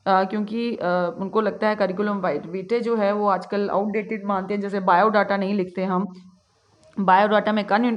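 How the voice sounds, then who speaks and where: A woman teacher with an Indian accent giving a lecture from slides, switching between Hindi and English with frequent hesitations. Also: medium pitch. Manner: mixes Hindi and English, many filler sounds. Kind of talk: classroom lecture on a slide presentation.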